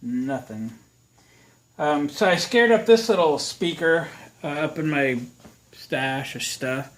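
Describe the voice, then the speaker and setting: An American man hosts a repair how-to video, speaking slowly in a fairly high, expressive, somewhat bright voice. His talk is casual and folksy, and he thinks aloud while demonstrating. The recording is rough, with clear background noise.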